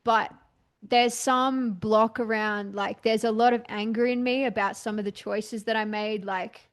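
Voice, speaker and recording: A woman's voice: a little high, fairly even intonation, unhurried. A young adult woman opening up candidly in a therapy session, hesitant and searching for words, with frequent "like" and restarts. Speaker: podcast host and client.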